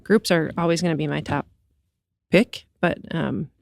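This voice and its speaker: A woman's voice: low-pitched, normal speed, creaky, no room sound. A woman co-hosting a casual church podcast, eager and explaining church programs, laughing easily. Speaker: podcast co-host.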